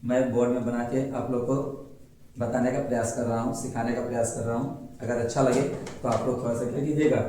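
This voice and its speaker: A man's voice: medium pitch, mellow, very echoey, slight background noise, poor audio. A male English teacher gives a classroom-style lesson at a board, repeating points and asking questions he answers himself. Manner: repetitive, asks questions and answers them himself. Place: room, recording without a digital board.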